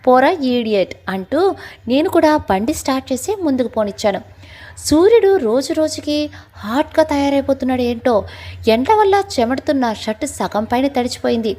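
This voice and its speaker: A woman narrating a scripted family audio story in a lively first-person telling. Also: high-pitched, normal speed.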